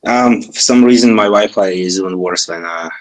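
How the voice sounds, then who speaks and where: A man's voice: fairly low pitch, moderate pace, low-quality recording. A man speaking as a guest in a casual live audio chat, hesitant and full of fillers, heard through a glitchy, choppy phone connection. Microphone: phone on cell data.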